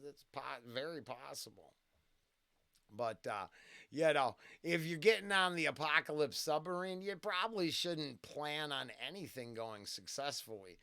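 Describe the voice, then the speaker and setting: A man's voice: a little high, measured pace, bright, forceful tone, clean tone, dry recording, clean studio sound. Rambling man reacting to a song. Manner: rambling and tangential, with frequent fillers and restarts. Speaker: music reaction host. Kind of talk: casual first-listen music reaction.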